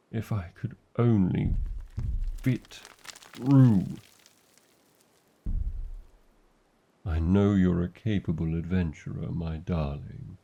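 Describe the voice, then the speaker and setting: In a fantasy ASMR roleplay, a British-accented man voices a huge, proud, protective dragon lover, sounding worried and tender. His low, mellow voice carries vocal fry and is exaggerated, using formal, theatrical phrasing with tender endearments and wry disdain. The recording is muffled.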